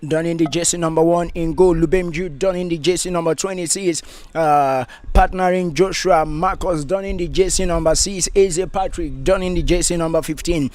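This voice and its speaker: A man giving pre-match football commentary, formally reading out a team list in a steady rhythm. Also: a little high, normal speed, dry recording.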